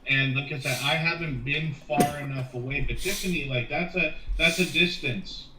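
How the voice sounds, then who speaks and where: A man's voice: a little high, normal speed. A man from Ontario chatting casually as a guest, thoughtful and hedging with many ums. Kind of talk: casual chat. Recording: echoey, distant mic with faint noise.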